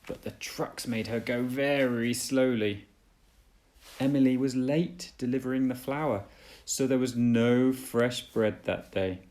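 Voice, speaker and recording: His mid-range, slightly mellow voice carries a children's story read aloud like a dad at bedtime. The telling is deliberate and dramatic.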